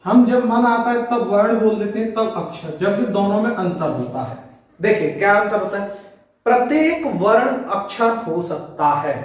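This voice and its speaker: A male teacher giving a lecture, explaining step by step and pointing things out as he goes. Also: very high voice. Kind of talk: classroom lecture. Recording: echoey room, mic far off.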